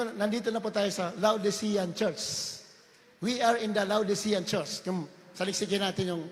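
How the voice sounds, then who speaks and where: A male preacher giving a fervent sermon, often rising to shouts and mixing Tagalog with English. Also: high voice. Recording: long hall reverb.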